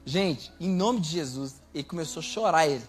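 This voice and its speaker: A Brazilian man preaching a lively sermon, telling stories and shouting out praises. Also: fairly high pitch, moderate pace, soft background music. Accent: Brazilian Portuguese. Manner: animated storytelling, shouting praises.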